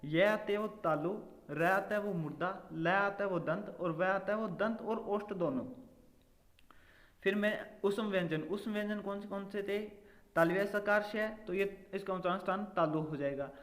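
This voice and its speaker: Guy teaching grammar for exams, high bright voice, keeps quizzing then answering himself, long echo. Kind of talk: exam prep grammar lesson. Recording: echoey room with long reverb.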